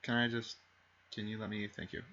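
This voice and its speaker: Bright-voiced man running a tabletop game. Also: fairly low pitch, flat delivery, brisk. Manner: rambling, self-correcting, fillers and restarts. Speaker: game master. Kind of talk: narrating a tabletop game over stream. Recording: dull lo-fi stream mic.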